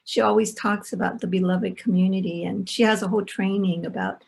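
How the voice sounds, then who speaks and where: Older woman panelist, thoughtful, rasp and fry in the voice, joins by video call. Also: mid-range voice, fairly even intonation, brisk, a little mellow. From Los Angeles, United States. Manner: reflective, repeats words, asks rhetorical "right?". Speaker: panelist, former professor. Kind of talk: panel discussion. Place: home, remote video call.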